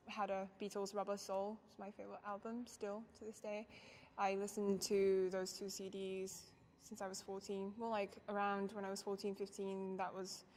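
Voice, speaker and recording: A young woman from Japan answers interview questions in a thoughtful, soft-spoken way. Her voice sits at an ordinary middle pitch, and she often laughs lightly. A faint hiss runs under the recording. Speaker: interviewee, violinist.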